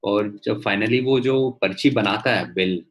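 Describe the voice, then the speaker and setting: A man's voice: fairly low pitch, takes it slowly. A man talking casually as a guest entrepreneur on a video call, with many fillers and restarts.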